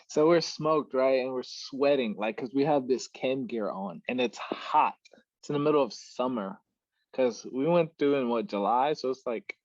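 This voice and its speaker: Animated young man telling a story. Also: medium pitch, a little slow, no room sound, lo-fi sound. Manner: animated storyteller who acts out quoted shouts and laughs mid-story. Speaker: podcast host. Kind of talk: casual chat.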